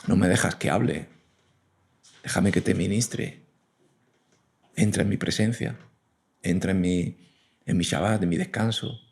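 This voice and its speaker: God figure, quiet fatherly rebuke, low voice, as a preacher puts him on. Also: fairly even intonation, unhurried, creaky, pauses often. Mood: calm. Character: God, calm fatherly male voice inviting rest.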